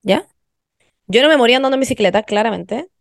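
A woman's voice: on the high side, brisk, gravelly, no echo. Slangy young Chilean woman, dry close sound. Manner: animated slangy storytelling, frequent swearing. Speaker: podcast host. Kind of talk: casual chat.

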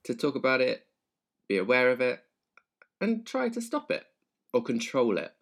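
Lively, sing-song male podcast host. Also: medium pitch. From England. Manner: upbeat presenter, drawn-out phrasing. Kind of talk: casual chat.

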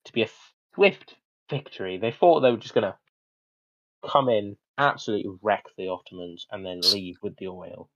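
A man's voice: fairly low pitch, moderate pace, fairly bright tone. Young british guy rambling on a podcast, kinda muffled lo-fi sound. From Britain. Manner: rambling, loose, swears casually. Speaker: co-host. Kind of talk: casual history podcast chat. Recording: slightly dull lo-fi audio.

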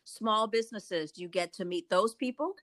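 A woman's voice: mid-range voice, moderate pace, fairly bright tone. A woman conducting a conversational interview, asking plain questions and follow-ups in an inquisitive way.

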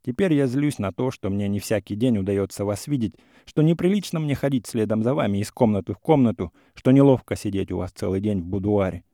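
A man voicing a hot-headed young gentleman suitor in a classic story reading, talking in a heated, insistent way. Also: lowish voice, brisk, few pauses, no echo, clean studio sound, close to an everyday voice. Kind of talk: audiobook character reading.

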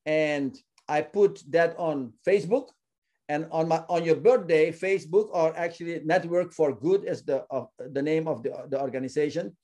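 Male guest from Suriname, earnest and halting, fairly high, warm tone. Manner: earnest, often repeats words while searching for them. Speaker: ministry founder, guest. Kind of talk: casual interview talk.

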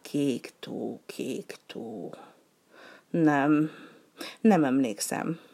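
A little grumpy penguin from a children's storybook, voiced by a woman reading aloud. He grumbles bluntly and asks puzzled questions, shifting between low mutters and sharp calls. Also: animated. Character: small, grumpy young penguin.

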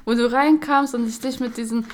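A woman's voice: a little high, fairly even intonation, a little fast. A woman talking in a casual, emotional way with her partner. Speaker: partner in the conversation. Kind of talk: casual chat.

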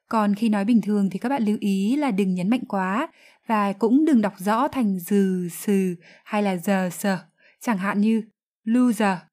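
A woman whose first language is Vietnamese, explaining English phrases in a lesson with calm, careful pronunciation. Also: medium pitch. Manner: calm, clear, careful enunciation of English examples. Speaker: English teacher.

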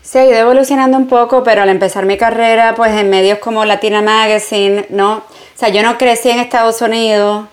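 A Puerto Rican woman, a journalist and entrepreneur, answers interview questions as a guest in Puerto Rican Spanish, reflective and conversational, with frequent fillers and English phrases mixed in. Her voice is a little high and steady, moving briskly with hardly any pauses.

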